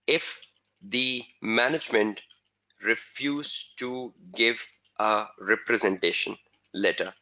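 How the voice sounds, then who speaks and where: A man teaching an exam webinar, repeating key phrases slowly for emphasis and answering viewers' chat questions by name. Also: fairly low pitch, bright, forceful tone. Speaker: exam tutor.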